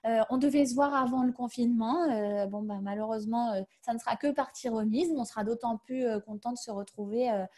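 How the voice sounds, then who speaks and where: A woman speaking on a video call in a webinar, answering questions casually. Her voice sits fairly high but sounds mellow and warm. She hesitates a lot and restarts her sentences. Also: a little fast, few pauses. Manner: hesitant, many fillers and restarts. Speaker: webinar guest sharing her career change.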